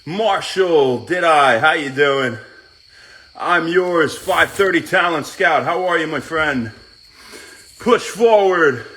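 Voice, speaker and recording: Slow-talking bright-voiced man greeting viewers. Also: a little high, expressive. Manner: reads out viewers' names and greets each one; chats while working out. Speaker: live-stream host. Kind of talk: casual live-stream chat.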